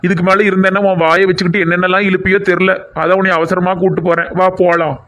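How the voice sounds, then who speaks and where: A calm, sensible village man in a cartoon, gently scolding and reassuring as a man voices him, with a southern Tamil Nadu accent. His voice sits high for a man. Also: fast talker. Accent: southern Tamil Nadu (Kanyakumari–Tirunelveli).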